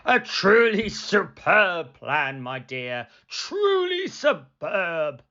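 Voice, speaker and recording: A woman's voice: lowish voice, sing-song, extremely slow, fairly bright tone, highs cut off, pitched above the performer's own voice, heavily acted. A woman voicing a mild, proper lighthouse keeper husband in a picture book, with a courteous old-fashioned manner. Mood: approving.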